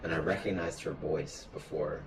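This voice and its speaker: A man's voice: extremely low pitch, fairly even intonation, moderate pace, very noisy. A man co-hosting a casual chat show, laid-back and joking, often trailing off mid-sentence. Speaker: co-host.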